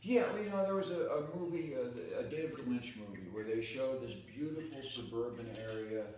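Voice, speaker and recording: A man's voice: mid-range voice, normal speed, darkish tone. A man in his sixties from California, a guest musician recalling his past in a candid, reflective way. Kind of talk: casual interview chat. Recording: echoey room, distant mic, faint noise.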